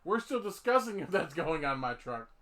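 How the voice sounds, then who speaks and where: A man with a high, bright, ringing voice hosts a casual comedy podcast. He jokes, rambles and laughs as he talks, in a loose, chatty way. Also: big pitch swings, moderate pace. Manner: joking, rambling, laughs often. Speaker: podcast host.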